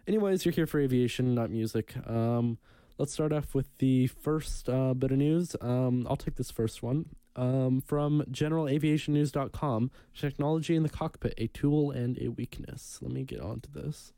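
A young man co-hosting a casual podcast, talking in a relaxed way with many ums and reading news items aloud. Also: mid-range voice, normal speed, clean tone, dry recording. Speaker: podcast co-host.

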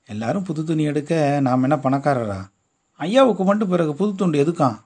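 A man's voice: on the high side, expressive, a little mellow, breathy edge, voice pushed up. A man doing a cheeky little village girl. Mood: chiding. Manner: drawn-out teasing sing-song.

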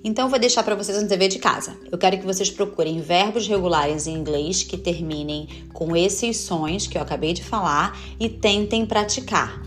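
A woman, a native Portuguese speaker, patiently explaining English pronunciation step by step in a video lesson, drawing out each sound slowly. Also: lowish voice, faint music behind. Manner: demonstrates sounds slowly and carefully. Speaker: English teacher.

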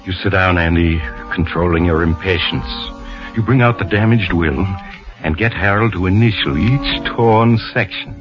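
A man with a low voice and moderate pace plays a sinister, knowing storyteller who addresses the culprit in an old-time radio suspense piece, lightly acted with dramatic, insinuating emphasis. The mood is ominous and knowing. The old radio recording sounds muffled, with loud dramatic music behind him.

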